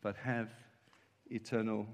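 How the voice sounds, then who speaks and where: A man's voice: on the low side, flat delivery, takes it slowly, lo-fi sound. A man, preaching earnestly in short emphatic lines that an interpreter follows. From South Africa. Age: 50s. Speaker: guest preacher. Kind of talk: sermon with live interpreter. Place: church hall. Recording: long church hall reverb.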